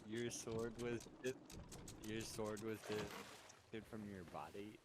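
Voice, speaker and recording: A man's voice: lowish voice, steady tone, takes it slowly, noisy background. A man playing a co-op game, talking casually with a laid-back, teasing manner. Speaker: gamer playing co-op. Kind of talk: casual gameplay banter.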